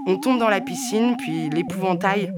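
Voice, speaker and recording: A speaker reading absurd, rambling poetic text, swinging between playful muttering and louder declaiming. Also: medium pitch, moderate pace, loud music behind the voice. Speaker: participant reading on an event radio. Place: makeshift radio at a summer gathering.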